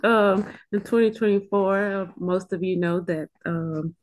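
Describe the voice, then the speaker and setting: A woman's voice: mid-range voice, steady tone, a little slow. Woman giving a hesitant church testimony. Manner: hesitant, many fillers, heartfelt.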